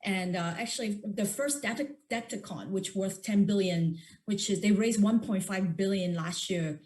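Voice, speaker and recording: A woman's voice: lowish voice, darkish tone. Upbeat woman. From Hong Kong. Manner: upbeat, enthusiastic, with frequent fillers. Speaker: venture investor panelist. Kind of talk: panel discussion.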